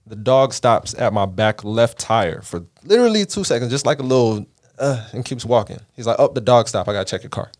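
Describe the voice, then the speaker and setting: A Caribbean man hosts a podcast, his mid-range voice animated and a little fast. He tells a story casually and with plenty of profanity, acting out the voices of the people he quotes.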